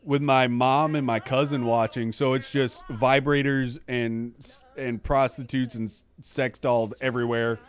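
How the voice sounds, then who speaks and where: A man's voice: medium pitch, steady tone, a little slow, hardly any pauses. A man co-hosting a gaming podcast, telling stories in a wry, dry way. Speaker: podcast co-host. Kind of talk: casual chat.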